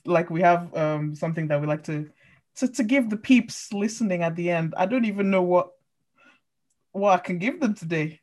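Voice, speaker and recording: A woman's voice: fairly low pitch, darkish tone. Giggly young woman co-hosting a chat. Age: 20s. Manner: laughs often, halting restarts. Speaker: podcast co-host. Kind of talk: casual chat.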